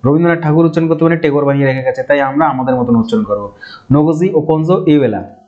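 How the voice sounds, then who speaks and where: A man's voice: a little high, racing, darkish tone. Man teaching exam facts, lo-fi. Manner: chatty, repeats key terms, mixes in English words. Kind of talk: exam-prep lecture. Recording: dull lo-fi sound.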